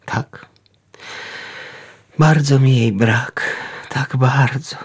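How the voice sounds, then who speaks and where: A man voicing a vain, lofty old male house cat who talks in a mock-philosophical way, with a gravelly, husky voice. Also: medium pitch, drawn-out words. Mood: melancholy.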